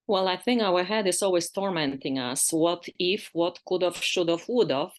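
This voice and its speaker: A woman in her sixties with a Polish accent, her voice sitting on the lower side. She talks as a podcast guest, reflective and philosophical, pausing on fillers and restarting her sentences. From Poland. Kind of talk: reflective interview conversation.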